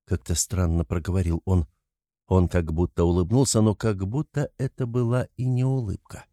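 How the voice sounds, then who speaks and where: A man giving a measured, steady audiobook narration of a classic novel. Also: low-pitched, dry recording, studio quality.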